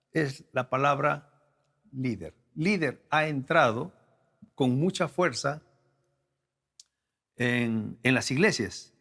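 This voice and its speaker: A male pastor from South America preaching at a leadership forum, teaching slowly with repeated key phrases and rhetorical questions. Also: medium pitch, fairly bright tone. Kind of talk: sermon. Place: church or conference hall.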